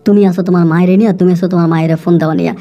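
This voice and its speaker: A woman speaking as a sharp, quick-tempered young wife, with a scolding manner. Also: fairly low pitch, steady tone, highs cut off, natural voice. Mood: irritated. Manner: snappish, scolding.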